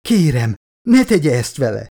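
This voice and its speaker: A man voicing a desperate young woman scientist, with high-pitched cries and pleas in an audiobook. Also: wildly swooping pitch, darkish tone, slightly rough.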